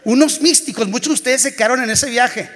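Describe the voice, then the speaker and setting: A man's voice: extremely high pitch, fairly quick, fairly bright tone. A man with a Mexican Spanish accent, an evangelist preaching a humorous, storytelling sermon. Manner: storytelling, humorous, singing snippets. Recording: long church hall reverb.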